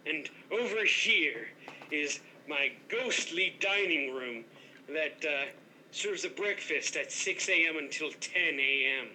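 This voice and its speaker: An actor playing a pompous, condescending headless ghost who runs a hotel as self-styled master of an island, with a bright voice. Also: male voice, on the high side, animated, slow pace, slight background noise, heavily acted, poor audio. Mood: haughty. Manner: haughty, grandiose, condescending. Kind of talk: improv comedy scene.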